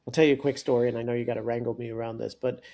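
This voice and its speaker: A man in his forties, a guest coach and author, telling stories in an animated way, often restarting his sentences. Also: mid-range voice, racing, creaky. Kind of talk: conversational podcast storytelling.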